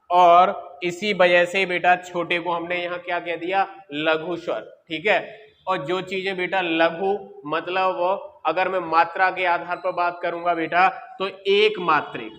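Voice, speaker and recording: A young male teacher giving a grammar lesson, addressing the students as children and repeating each term slowly. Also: high-pitched, sharp tone. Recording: long reverb, hall-like.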